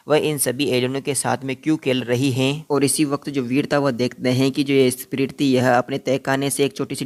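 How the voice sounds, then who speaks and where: A man narrating an episode recap in a steady, monotone telling, ending with a request to subscribe. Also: medium pitch.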